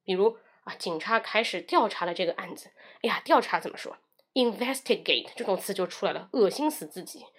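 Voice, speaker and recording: A woman's voice: medium pitch, animated, a little fast, fairly bright tone. Woman teaching English on a livestream. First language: Mandarin Chinese. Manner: switches between Mandarin and English, demonstrates phrases.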